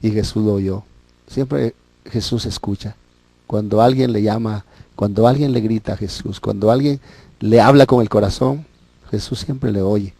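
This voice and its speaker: A man's voice: lowish voice, moderate pace, creaky, warm tone, slightly rough, no room sound. A man who is a guest on a religious TV show, preaching and retelling a Bible story with quoted voices.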